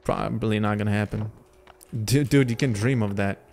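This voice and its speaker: A man's voice: fairly low pitch, normal speed, creaky, darkish tone, faint music behind. A man from Lithuania, casually commenting on gameplay and chatting with his viewers. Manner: chatty, thinking aloud, talks to chat. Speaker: gaming livestreamer.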